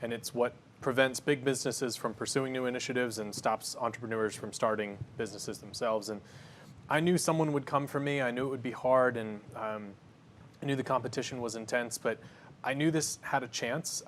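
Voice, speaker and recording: A man's voice: mid-range voice, moderate pace, a little hiss or hum. A man, a company founder, talking confidently through a cooking demo and interview in a studio kitchen. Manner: confident, energetic, explains as he works.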